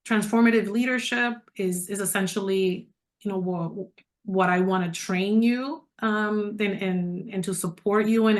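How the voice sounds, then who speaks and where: A middle-aged woman from the Dominican Republic, a leadership coach presenting a training program over a video call in a conversational, persuasive way. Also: medium pitch. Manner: conversational and persuasive, addressing listeners directly. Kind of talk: online presentation to a group.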